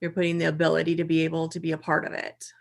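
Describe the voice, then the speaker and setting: A woman with a fairly low voice answering on a panel in a hesitant way, pausing often and filling gaps with ums. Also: monotone, vocal fry. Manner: hesitant, many pauses and ums.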